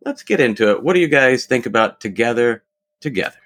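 A man co-hosts a weekly movie review podcast, setting up the film and guest. He makes deadpan quips. His pitch swings widely as he talks. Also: brisk. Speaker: podcast co-host. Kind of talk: casual movie review chat.

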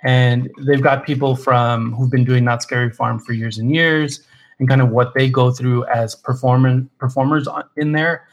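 Guy cohosting a podcast, relaxed chatty, lots of uh and um, really into what he's recommending. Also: mid-range voice, normal speed, lo-fi sound. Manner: relaxed, many fillers and restarts, enthusiastic recommendations. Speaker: podcast co-host. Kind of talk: casual chat.

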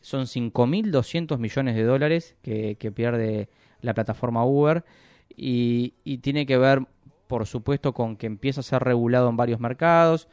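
A man explaining business news in a radio interview, measured and full of hesitations and restarts. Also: mid-range voice, darkish tone, clear, resonant tone, no echo, studio quality. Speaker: economic analyst guest.

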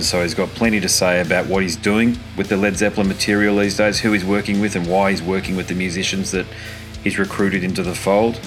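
A man's voice: sits low, fairly bright tone. An Australian man hosting a podcast in an informal, matey, conversational way. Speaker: podcast host and interviewer.

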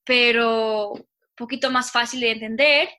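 A young woman with a Chilean accent, chatting casually in an interview and talking quickly, like a little bird. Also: fairly high pitch, fairly even intonation, pushed and bright. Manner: talks fast, like a little bird. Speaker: interviewee, Spanish teacher. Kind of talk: casual conversation.

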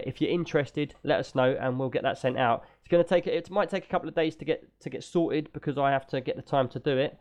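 A man's voice: on the high side, a little mellow, highs cut off. A British man talking casually and enthusiastically as the host of a gaming podcast.

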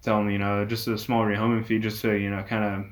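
Speaking quickly in a fairly low voice that barely moves in pitch, a man who runs a reptile rescue answers interview questions as a guest. His explanations are casual and wandering, sprinkled throughout with "you know" and other fillers.

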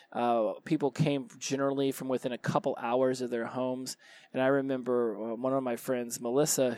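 A man's voice: medium pitch, a little mellow, dry recording. A man hosting a solo podcast, talking casually to college students with plenty of ums and restarts. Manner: casual and conversational, frequent fillers and restarts. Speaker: podcast host.

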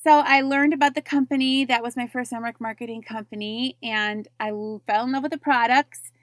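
A woman in her thirties talks through her own story in a loose, chatty way, circling back to fix phrases and dropping small laughs. Her voice sits a little high, and the sound is close and dry with no room around it. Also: fairly even intonation, a little fast, no room sound. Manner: chatty, frequent self-corrections and little laughs. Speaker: network marketer. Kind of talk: personal story monologue.

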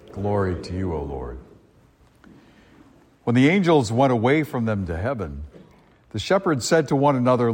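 A man's voice: on the low side, darkish tone, slightly rough. A priest reading the gospel and giving a chatty Christmas homily, often repeating and restarting his phrases, his voice ringing in long church reverb. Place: large church.

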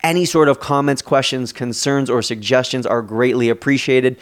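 A male podcast host with a smooth, resonant, middle-pitched voice chats in a friendly, rambling way, full of fillers and small restarts. It sounds like a relaxed interview conversation at a moderate pace.

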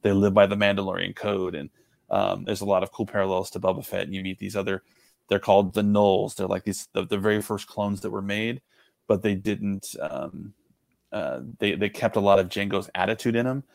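A man's voice: low voice, fairly even intonation, a little fast, vocal fry, no echo. A man co-hosting a podcast, chatting casually and rambling with many fillers and restarts. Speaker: podcast co-host. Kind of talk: casual chat.

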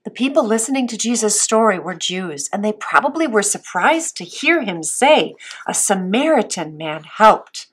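A woman teaching a Bible lesson to young children as a Sunday school teacher, sweet and patient, asking simple questions with pauses. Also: mid-range voice, big pitch swings, breathy edge.

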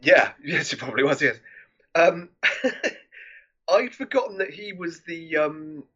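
A man's voice: fairly high pitch, expressive, measured pace, a bit bright, husky. A man co-hosting a podcast, chatting casually about films in an amused, easygoing way. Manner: chatty and amused, laughs often. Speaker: podcast co-host. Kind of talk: casual film review chat. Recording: dull lo-fi mic.

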